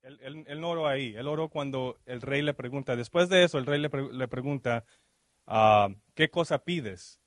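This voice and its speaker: A man's voice: mid-range voice, no room sound, clean studio sound. A male minister preaching a sermon, who keeps checking in with the congregation and slips English fillers into his speech. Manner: peppers speech with quick "ok?" checks and questions to the congregation; mixes English fillers into Spanish. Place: church service.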